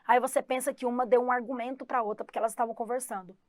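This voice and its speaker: Brief: chatty exam-prep teacher, woman, Goiás accent, slightly high voice, close dry mic. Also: very fast, dry recording. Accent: Goiás Brazilian Portuguese. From Goiás, Brazil. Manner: lively, chatty, talks to students directly. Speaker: English teacher. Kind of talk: online exam-prep class.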